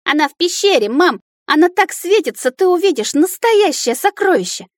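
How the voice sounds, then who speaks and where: A woman reading an audiobook, voicing an excitable little boy dragon who gushes his words out breathlessly. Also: very high voice, unhurried, no echo, clean studio sound, voice pushed up, exaggerated voice. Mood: excited. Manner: breathless, gushing chatter. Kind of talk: audiobook character voice.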